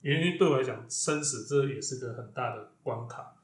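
A man's voice: medium pitch, brisk. Man telling a story in a roomy space. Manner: animated, lively retelling with quoted exclamations. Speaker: diviner and podcast host. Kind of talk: casual storytelling chat.

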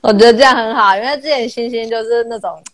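Thirties woman, rapid, fairly high voice, teasing co-host energy. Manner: quick, teasing, laughs easily. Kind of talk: casual chat.

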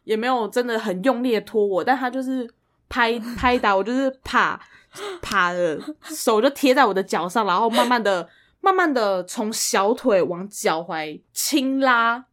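A woman's voice: a little high, lively intonation, normal speed, fairly bright tone. A woman, co-hosting a podcast, animatedly telling a story in casual chat and often laughing as she talks. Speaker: podcast co-host.

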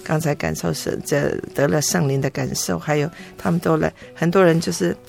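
A middle-aged woman earnestly telling her faith testimony as an interview guest, emotional and halting with frequent restarts. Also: low voice, steady tone, gravelly, darkish tone, soft background music.

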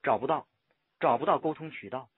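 Caller: rapid, husky man on a landline phone, lecturing and insistent. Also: mid-range voice. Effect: heard over a landline phone line. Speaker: caller seeking help. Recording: tinny phone line, husky.

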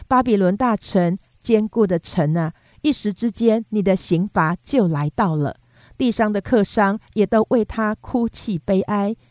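A woman reading scripture aloud in a steady, measured, unhurried way. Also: medium pitch, no echo. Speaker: scripture reader.

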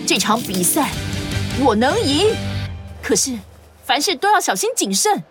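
A woman's voice: high voice, big pitch swings, a little slow. A woman voicing an earnest young boy trainer who thinks his moves through aloud, in a cartoon dub. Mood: determined. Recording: music behind, cartoon dub.

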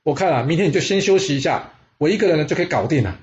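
A man voicing a brash, overconfident male general bragging quickly. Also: fairly high pitch, expressive, a little mellow, lo-fi sound, a little hiss or hum, close to an everyday voice. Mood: cocky. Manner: cocky, quick boasting.

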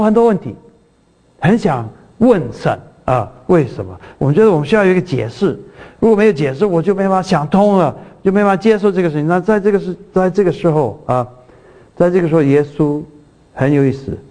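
A middle-aged man, preaching an earnest sermon with halting restarts and repeated words. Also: fairly high pitch, warm tone. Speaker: pastor. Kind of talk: sermon lesson.

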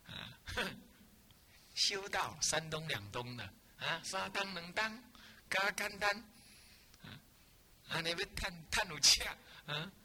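A man's voice: high voice, takes it slowly, long pauses, bright, forceful tone, a little hiss or hum. A man, a Buddhist abbot, giving a dharma lecture to students, scolding and teasing them with rhetorical questions.

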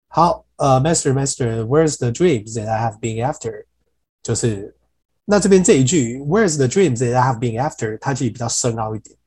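A man teaching English in a podcast lesson. He reads song lyrics slowly, repeats words to show how they are pronounced, and explains each line in detail. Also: mid-range voice, a little mellow, breathy edge, rough recording.

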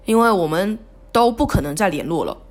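A woman hosting a solo podcast, talking in a halting, remorseful way with many restarts. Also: medium pitch, expressive. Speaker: podcast host. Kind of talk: reflective solo podcast monologue.

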